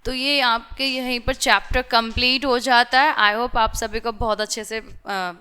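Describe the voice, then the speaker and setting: A woman's voice: fairly high pitch, steady tone, a little slow, sharp tone, clean tone. A woman teacher going through a vocabulary list for young children, saying each word several times, asking "theek hai" again and again and mixing in English words.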